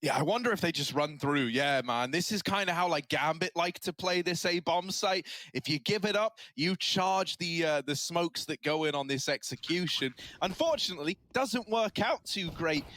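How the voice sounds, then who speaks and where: A man giving enthusiastic color commentary on an esports match, breaking into shouts on big plays. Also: animated, moderate pace, hardly any pauses, dry recording. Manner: enthusiastic, shouting and laughing on highlights.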